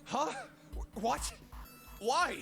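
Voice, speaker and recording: Bright-voiced indignant young man. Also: very high voice, lively intonation, very slow, vocal fry, soft background music, full character voice. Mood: indignant, bewildered.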